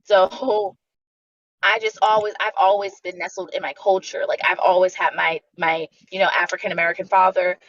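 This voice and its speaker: A woman from Bangladesh talking in a casual livestream chat, emphatic and animated as she tells her story. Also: on the low side, normal speed. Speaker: livestream guest. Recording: dull lo-fi stream audio.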